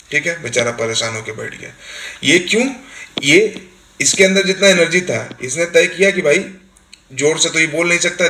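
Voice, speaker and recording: Bright-voiced teacher. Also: male voice, medium pitch. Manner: explains with everyday examples, keeps checking with "ठीक है". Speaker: exam coaching teacher. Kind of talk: recorded lecture. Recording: echoey room, faint hiss.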